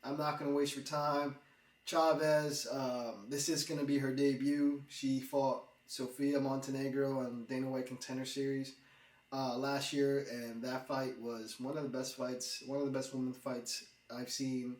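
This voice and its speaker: A man's voice: mid-range voice, flat delivery, measured pace. A man who hosts an MMA channel, congested with a cold, giving a laid-back fight breakdown with plenty of ums and uhs. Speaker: MMA predictions channel host. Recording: roomy, distant mic.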